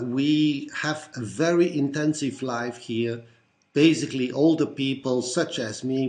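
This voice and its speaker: Older Belgian man in his sixties, steady mid-pitched voice, calm measured delivery with "uh" fillers, friendly club self-introduction. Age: 60s. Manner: measured, lists things one by one with frequent "uh" fillers. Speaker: Rotarian introducing himself. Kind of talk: recorded self-introduction to fellow club members.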